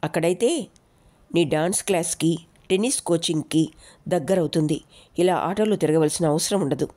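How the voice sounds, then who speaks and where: A woman's voice: fairly low pitch, moderate pace, natural voice. A woman reading as a firm, decisive mother. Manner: firm and steady.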